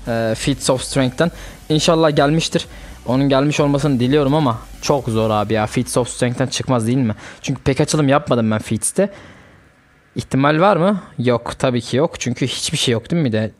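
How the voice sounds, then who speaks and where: Playing a mobile fighting game on his gaming channel, a young host chats loosely and gets excited at what happens on screen. He talks in a mid-range voice at a normal speed.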